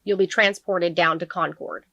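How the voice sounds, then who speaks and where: A woman voicing a confident young male defense attorney who talks smoothly and a bit cockily. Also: lowish voice, steady tone, moderate pace, bright, forceful tone, dry recording.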